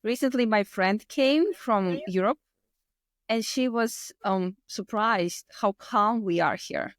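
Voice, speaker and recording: A Latvian-accented woman in her thirties, a podcast guest, tells casual personal stories in an interview, her non-native English loose in grammar and word order. She speaks slowly at a medium pitch, recorded dry.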